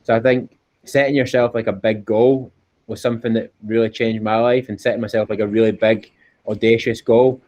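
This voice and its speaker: Heard on dull, lo-fi call audio, a Scottish endurance cyclist talks fairly quickly in a lowish, darkish voice with little pitch movement. He is an interview guest in a casual chat, earnest and prone to repeating himself.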